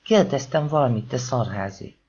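A menacing gangster, voiced by a man in an audiobook, speaking slowly and loudly with cold, controlled fury. His pitch swings widely between words. The recording is dull and lo-fi. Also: expressive, lightly acted. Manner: quiet, commanding, threatening, swearing. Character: menacing male gangster, calm yet furious.

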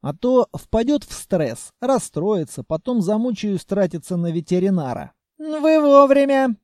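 Animated ironic male narrator. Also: high voice, moderate pace, no room sound, studio quality. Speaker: audiobook narrator. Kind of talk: scripted narration.

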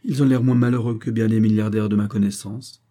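A man's voice: lowish voice, fairly even intonation, a little fast, warm tone, lightly acted. A man voicing a curious young heiress. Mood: amused curious. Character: young American heiress, amused and gentle.

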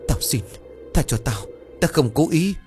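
A man's voice: fairly high pitch, animated, a little slow, a little mellow, faint music behind, pitched above the performer's own voice. A man voicing a terrified, guilty old man who stammers and trembles as he begs for mercy. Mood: terrified pleading.

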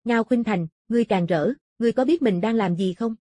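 A woman's voice: on the high side, a little fast, mellow, no echo, studio quality, lightly acted. A woman voicing a hot-tempered young dragon-clan man in an audiobook, harsh and scolding in manner. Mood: angry.

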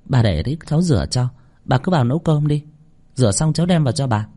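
A man voicing a young housemaid girl who gossips in hushed tones, in a read-aloud story. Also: medium pitch, animated, fast talker, voice pushed up, natural voice. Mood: eager.

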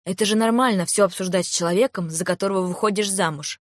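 A woman's voice: mid-range voice, quick pace, dry recording, studio quality, natural voice. A woman reading the part of a blunt female friend who gives advice in a firm, matter-of-fact way.

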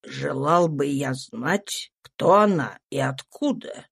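A woman reading an audiobook voices a mild middle-aged husband, speaking low, slow and hesitant. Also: creaky, slightly rough, full character voice. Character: mild middle-aged male household head.

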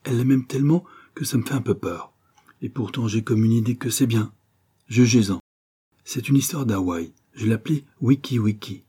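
A man's voice: mid-range voice, normal speed, warm tone, slightly rough, pitched above the performer's own voice. Man playing an eager, proud young writer.

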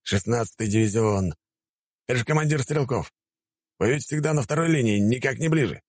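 A man's voice: medium pitch, fairly quick, darkish tone, no echo, voice pushed up, close to an everyday voice. A man reading an audiobook, voicing a stern male army commander who barks orders.

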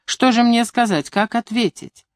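A woman reading the part of a young female agronomist who is anxious and hesitant, and turns sharp when angered. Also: on the high side, unhurried, no echo, studio quality, voice pushed up, lightly acted. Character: young woman agronomist, flustered but fiery.

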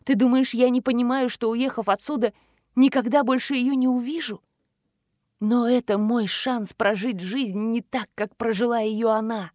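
A woman reading an audiobook voices a fierce, scornful teenage girl who hisses and shouts in sharp indignation. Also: fairly high pitch, fairly even intonation, moderate pace, no echo, studio quality, pitched above the performer's own voice, close to an everyday voice. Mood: bitter hissing. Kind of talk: audiobook character voice.

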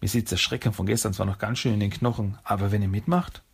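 A man's voice: fairly low pitch, steady tone, fast, vocal fry, breathy edge, heavily acted. A man voicing a brave, friendly young female TV reporter in a storybook reading.

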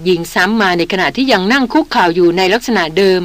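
A woman reading an adventure novel aloud as an audiobook narrator, telling the story in a measured, vivid way. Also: mid-range voice, no room sound.

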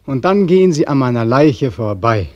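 A bitter young war veteran. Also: male voice, on the low side, measured pace, dark tone, no echo, lo-fi sound. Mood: agitated. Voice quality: bitter, mocking, swings into anguished outbursts. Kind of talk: radio drama acting.

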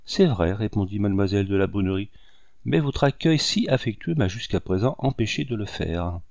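A man's voice: lowish voice, animated, normal speed, creaky, darkish tone, no echo, muffled recording. A man reading the lines of a young noblewoman taken captive, in an earnest, emotional audiobook delivery.

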